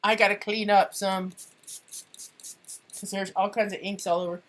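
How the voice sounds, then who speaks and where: A woman's voice: medium pitch, little pitch movement, moderate pace. A woman chatting casually on a live stream as she crafts, thinking aloud and trailing off mid-sentence.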